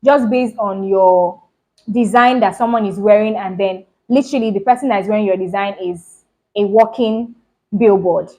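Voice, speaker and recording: A woman hosting her own channel, giving a casual lesson on running a clothing business, talking fast and often checking "do you understand?". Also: mid-range voice, warm tone, poor audio. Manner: talks fast, repeats points, keeps asking "do you understand?". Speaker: fashion business channel host. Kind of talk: casual instructional talk to camera.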